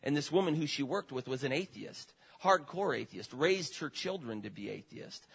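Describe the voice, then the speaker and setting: A man's voice: a little high, expressive, moderate pace, gravelly, a bit bright, husky, rough recording. A middle-aged man, a traveling evangelist, telling healing stories in a folksy sermon full of fillers and amens. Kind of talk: sermon testimony.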